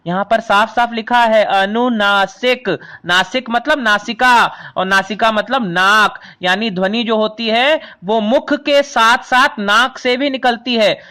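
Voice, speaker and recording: Male teacher, very high bright voice, patient and repetitive explainer, talks to kids. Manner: explains patiently, repeating and rephrasing terms; addresses students as children. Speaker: Hindi grammar teacher. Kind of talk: classroom lesson explaining vowels.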